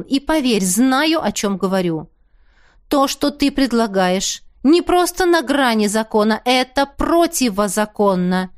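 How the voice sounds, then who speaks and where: Donna, a woman playing a dry, stern lawyer. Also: on the high side. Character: cool, sharp-tongued woman lawyer.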